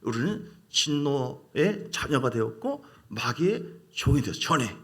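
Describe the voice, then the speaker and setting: A man's voice: mid-range voice, sing-song, a little slow, fairly bright tone. A male pastor preaching a sermon emphatically, calling out questions for the congregation to answer. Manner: emphatic, call-and-response with congregation.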